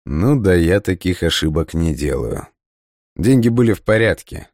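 A man with a very low, deep voice reads a first-person story aloud. His delivery is steady and measured, and the recording is close and dry with no room sound. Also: dry recording. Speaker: audiobook narrator. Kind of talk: scripted first-person narration.

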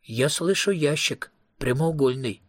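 A husky-voiced man voicing a hungry, whiny young male vampire in an audiobook reading. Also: fairly high pitch, measured pace, no echo, studio quality. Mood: grudging. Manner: whiny, grumbling.

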